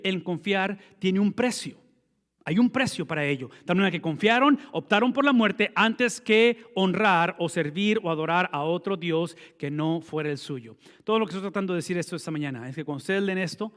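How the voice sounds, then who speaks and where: A man preaching a sermon as pastor, speaking, asking rhetorical questions and answering them himself, swinging between emphatic stresses and quiet asides. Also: sits high. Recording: long reverb of a large hall.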